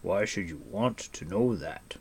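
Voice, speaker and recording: A man voicing a stout, bald old blacksmith who speaks gruffly but kindly in a low, half-whispered voice. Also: animated, a little slow, exaggerated voice. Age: older.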